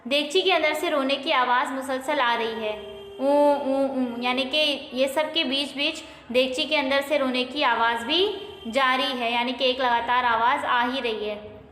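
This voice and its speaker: A woman's voice: high voice, measured pace, sharp tone. A woman teacher who reads a school play aloud and explains each line simply, repeating it for young pupils. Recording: roomy with long reverb.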